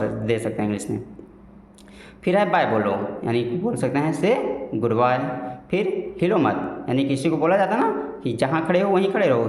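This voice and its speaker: A man teaching spoken English in Hindi, giving each phrase and repeating the English slowly for learners. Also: a little high, darkish tone, reverberant, poor audio.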